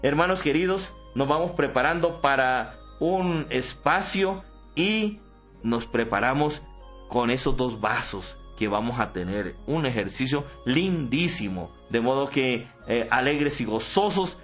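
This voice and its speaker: A man's voice: mid-range voice, animated, unhurried, fairly bright tone. A man who is a priest, giving a broadcast sermon and explaining scripture in a homely, conversational way, often asking his listeners questions. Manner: asks the listeners frequent rhetorical questions. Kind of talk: broadcast sermon and Bible teaching. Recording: dull lo-fi broadcast with faint music behind.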